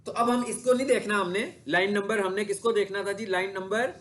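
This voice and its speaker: Speaking fairly quickly in a high voice with a steady tone, this digital marketing instructor lectures a class while demonstrating on screen. He frequently asks his students questions, only to answer them himself.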